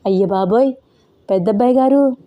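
A woman's voice: a little high, normal speed, dull audio, close to an everyday voice. A woman voicing a chatty, blunt village housemaid speaking rustic dialect. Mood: cheeky. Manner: rustic dialect speech, cheeky.

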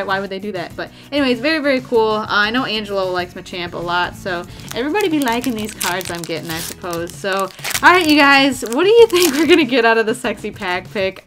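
Bubbly, chatty woman hosting an unboxing. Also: mid-range voice. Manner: bubbly, chatty, excitable, addresses viewers as "you guys". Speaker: trading card unboxing host. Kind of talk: casual unboxing commentary.

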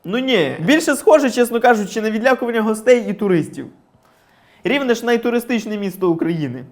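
A man's voice: sits high, lively intonation, a little fast. A man from Ukraine who mocks regional news stories in sarcastic comic commentary. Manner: sarcastic, mocking. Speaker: comedian reviewing regional news.

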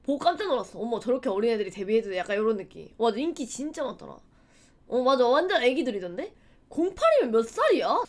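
A woman's voice: fairly high pitch, very animated, fast. A woman in her twenties chatting casually on a livestream, laughing often as she acts out memories. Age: 20s. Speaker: streamer.

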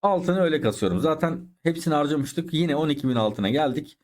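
A man's voice: a little high, expressive, a little fast, darkish tone. A man giving chatty live commentary over his own football video game, talking to his viewers and exclaiming at the plays. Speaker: gaming YouTuber.

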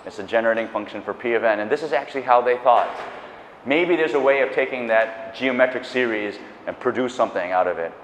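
Here a middle-aged man lectures the public on math at a quick pace and medium pitch, miked with a lapel clip over a little hiss or hum. He moves about the stage, gesturing energetically, chatty and keen, with asides and self-corrections. The hall gives the recording a dull echo.

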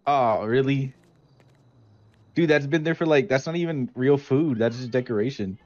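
A man's voice: mid-range voice, moderate pace, no room sound. A man in casual game role-play as a burger shop worker, talking in laid-back, dude-heavy slang. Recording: slightly dull, lo-fi voice chat.

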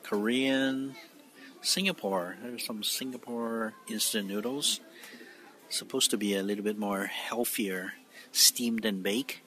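Slow-talking man filming in a store. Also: on the low side, steady tone, pushed and bright. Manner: amazed, rambling narration with fillers. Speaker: vlogger. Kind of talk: casual walkthrough vlog. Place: large supermarket indoors. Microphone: phone held while walking. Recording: noisy phone recording in store. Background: store ambience.

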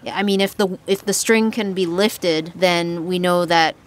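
Speaking at a measured pace in a fairly low voice, a woman in her thirties walks the camera through sailing basics in a casual, practical way, using her hands to explain. She's outdoors on a sailboat deck at sea, holding a furry lavalier near her mouth, and faint wind and water noise can be heard.

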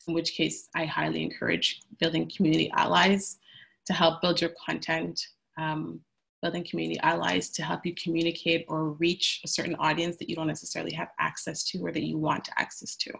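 This webinar presenter, a young female communications manager, sounds slightly low and gravelly, casual and loose, talking briskly in a monotone with a fairly bright tone over poor audio. Using earbuds on a video call from a room at home, she goes through slides before leading a discussion, chatty and heavy on "um"s, about youth speaking to youth.

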